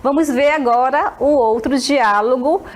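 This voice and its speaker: A woman teaching an English lesson in a friendly way, checking in often with her class and slowing down to model phrases. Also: high-pitched. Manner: friendly, checks in constantly with short tags.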